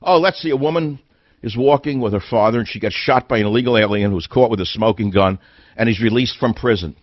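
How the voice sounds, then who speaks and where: A man's voice: lowish voice, fast, no room sound, lo-fi sound. An older man hosting a radio talk show, delivering an indignant monologue full of hammering rhetorical questions. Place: radio studio.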